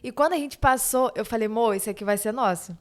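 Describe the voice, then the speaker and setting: Brief: young Brazilian woman, fairly high voice, lively anecdotal chat. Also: brisk. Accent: Brazilian Portuguese. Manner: animated storyteller, quotes others in dialogue. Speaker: guest, eyebrow studio owner. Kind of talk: casual podcast chat.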